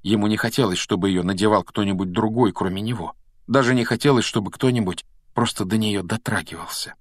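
A man reading an audiobook aloud, with measured, expressive storytelling narration. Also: on the low side, no echo. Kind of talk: scripted narration.

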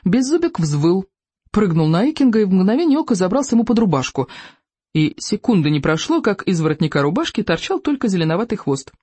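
A narrator reads a children's book aloud with expressive storytelling. The delivery rises and falls widely. The recording is dry and close, with no room sound. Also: mid-range voice, brisk, slightly rough, dry recording. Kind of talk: audiobook reading.

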